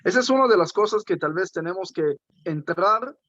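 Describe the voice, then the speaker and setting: A man, a rabbi, giving a spoken teaching talk in a measured way, pausing often and asking rhetorical questions. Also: high-pitched, animated, fairly bright tone, no room sound, muffled recording.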